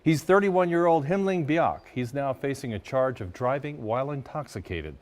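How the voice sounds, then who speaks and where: A male local news anchor reads scripted copy in a folksy way. His voice sits at a medium pitch and stays clear in its purpose of informing viewers. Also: lively intonation, normal speed, darkish tone.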